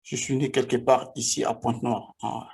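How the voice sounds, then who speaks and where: A man in his forties from the Republic of the Congo, speaking. He tells his own life story in a vlog, halting often and repeating himself. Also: medium pitch, level tone, creaky, a little mellow. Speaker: vlogger.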